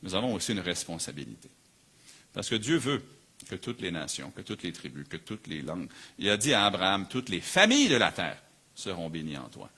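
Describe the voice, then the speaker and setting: A Canadian pastor with a Quebec French accent preaches a sermon in a low voice with big pitch swings, brisk and sharp-toned. He is earnest and emphatic, building his points through repeated phrases.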